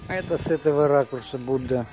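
A man's voice: mid-range voice, a little fast. A middle-aged man giving casual, off-the-cuff sightseeing commentary as a travel vlogger. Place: outdoors at a hilltop monument. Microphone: handheld camera at arm's length. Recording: very noisy windy outdoor camera audio. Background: loud outdoor ambience, chimes.

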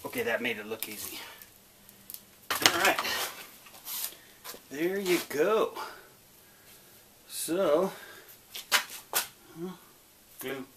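A man's voice: fairly high pitch, very animated, drawn-out words, long pauses, very noisy. A man in his forties hosting a casual vlog, chatting in an easygoing, plain-spoken way to a camera at close range. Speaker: channel host. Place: outdoors in a yard, later an indoor workshop.

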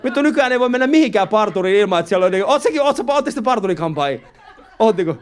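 A man with a high voice performs a stand-up set on a club stage. He tells his story in a lively way, slips into other people's voices, and peppers his talk with swearing and filler words. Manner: animated storytelling, acts out taxi drivers. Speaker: stand-up comedian. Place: live comedy club stage. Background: audience laughter.

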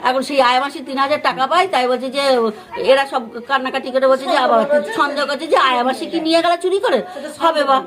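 A woman's voice: sits high, fairly quick, a crowd in the background. A woman from West Bengal with a West Bengali accent, a neighbour giving a rambling eyewitness account to a news crew, full of fillers and acted-out quotes. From West Bengal, India. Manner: rambling retelling with many fillers and restarts; acts out others' words in quoted speech. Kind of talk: on-the-spot news interview.

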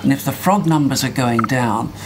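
Older man, medium pitch, scientist interviewee, explanatory, emphatic, noisy ambient background. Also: moderate pace.

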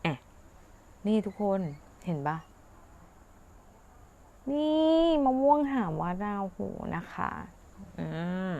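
A woman's voice: low-pitched, gravelly, muffled recording, a little hiss or hum. A woman hosting a casual livestream, talking in a chatty, rambling way with many polite particles. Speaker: livestream host.

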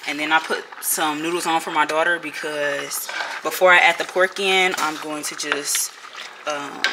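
A woman's voice: low-pitched, steady tone, moderate pace, noisy background. A young woman chatting casually to her viewers while cooking in a home kitchen, calling them y'all again and again. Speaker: vlogger.

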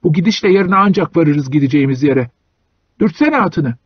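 Guy doing impatient officer snapping orders, husky, dry muffled recording. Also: a little high, expressive, normal speed, no echo. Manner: brusque, impatient. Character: curt impatient military officer, adult man.

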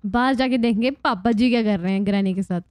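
A woman's voice: medium pitch, fast, a little mellow, no echo. A young woman giving casual, joking gameplay commentary, chatty and prone to squealing laughs when scared. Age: young adult. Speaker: gaming vlogger.

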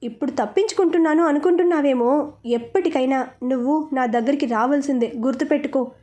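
A woman's voice: sits high, fast talker, mellow, natural voice. A woman reading the lines of a pushy young man who presses a reluctant girl and ends in veiled threats. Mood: threatening.

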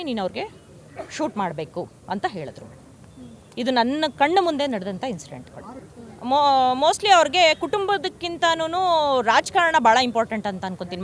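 A woman's voice: high voice, slight background noise. A woman from Karnataka, speaking at a press conference and making fierce, repetitive accusations. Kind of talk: angry press statement.

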